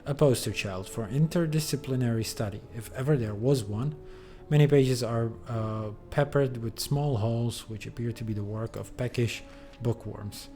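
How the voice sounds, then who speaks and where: A man's voice: mid-range voice, moderate pace, warm tone, faint music behind. A man streaming a game, reading in-game books aloud with wry, amused asides.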